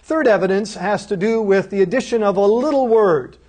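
A man's voice: high-pitched, normal speed, a little mellow. A middle-aged man lecturing on a Bible passage, explaining emphatically and asking rhetorical questions. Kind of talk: recorded course lecture.

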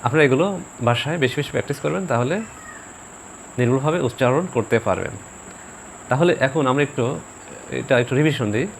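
Man giving a slow pronunciation lesson. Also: medium pitch, gravelly, slight background noise. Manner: slow, deliberate, repeats example words for practice. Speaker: Bengali pronunciation teacher. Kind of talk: instructional video lesson.

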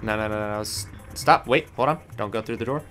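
Young male host, bright voice, bossy teasing game banter, faint music behind. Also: lowish voice. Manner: teasing, bossy, quick to laugh. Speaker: channel host coaching a friend's play. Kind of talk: casual gaming banter.

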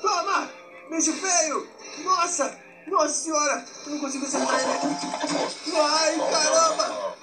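A man with a Brazilian Portuguese accent giving excitable let's-play commentary, full of shouts and exclamations. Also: very high voice, a little slow, low-quality recording. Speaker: gameplay commentator. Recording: loud game music behind. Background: loud game music.

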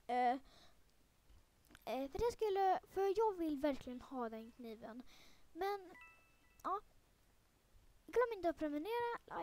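A high, light female voice giving casual let's-play commentary over her own gameplay. She rambles with plenty of "eh" fillers and restarts. She turns excitable, almost panicky, when the game heats up. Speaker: gaming video creator.

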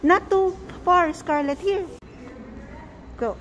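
A woman's voice: very high voice, slow, a bit bright. A Filipino woman in her thirties with a Filipino accent, filming a casual family vlog and coaxing her kids along in English and Tagalog. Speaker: family vlogger mother. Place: indoor shopping mall. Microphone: handheld phone camera. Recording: noisy mall recording.

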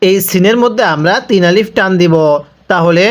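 Speaking at a moderate pace in a high-pitched voice, a man gives a slow spelled-out recitation lesson on Quran reading. With a Bangladeshi Bengali accent, he patiently spells out letters and vowels and draws out each word for repetition.

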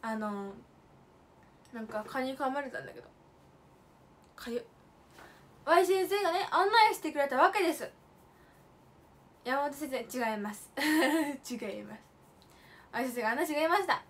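A young woman with a high, light voice chats with her stream viewers. She tells her stories playfully and leans hard on her punchlines. She slips easily between polite phrasing and casual slang. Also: lively intonation, unhurried, pauses often. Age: late teens. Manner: chatty storytelling with playful emphatic asides. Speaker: idol livestream host. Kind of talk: casual livestream chat.

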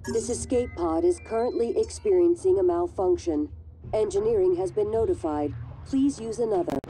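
An actress voicing a calm female ship computer in a video game, giving even, measured automated announcements. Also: mid-range voice, over music, close to an everyday voice.

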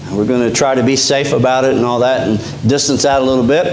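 A middle-aged man with a Kentucky mountain accent preaches in a small sanctuary, speaking in a relaxed, conversational way and often restarting his phrases. His voice sits in an ordinary middle pitch and rings off the walls of the room. A faint hum runs beneath his words. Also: fast, echoey room, poor audio. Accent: Appalachian Kentucky. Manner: conversational preaching with frequent restarts and fillers, gesturing while standing. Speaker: pastor. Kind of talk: sermon. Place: small church sanctuary, indoors.

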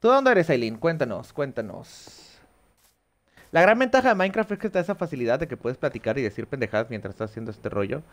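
Gaming at home in a small room, a young man with a Mexican accent streams on a headset, chatting loosely with viewers, musing aloud and cursing a little. His mid-range voice is very animated and fast.

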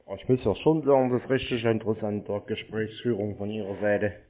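Over a narrow, tinny phone line with a little hiss or hum, a man with a lowish voice chats briskly and casually. He is a prankster posing as a naive, rambling, colloquial customer to phone scammers.

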